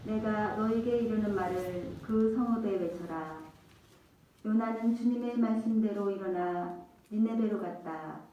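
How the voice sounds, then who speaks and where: A woman lector reading scripture at Mass in a formal, deliberate way. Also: mid-range voice, a little hiss or hum. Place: large echoing church hall. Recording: dull, distant, very echoey church.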